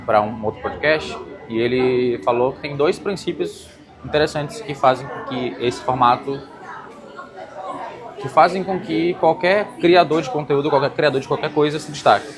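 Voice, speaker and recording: A man with a Brazilian accent chats casually as an interviewer, his voice a little high and his speed normal. He explains ideas and keeps checking that he's understood. A crowd and music can be heard behind him.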